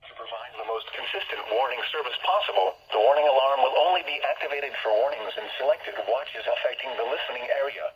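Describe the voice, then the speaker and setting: A man delivers a weather radio voice, medium in pitch and formal, with an automated-sounding scripted read. It comes over a radio broadcast with a babble of sound behind it. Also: quick pace, hardly any pauses, highs cut off, a crowd in the background.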